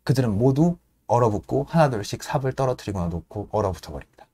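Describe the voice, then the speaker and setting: Lively Korean man retelling a story. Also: medium pitch, fast talker, slightly rough. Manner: laughs often, lively, acts out characters. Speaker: podcast host retelling a play. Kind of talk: animated storytelling.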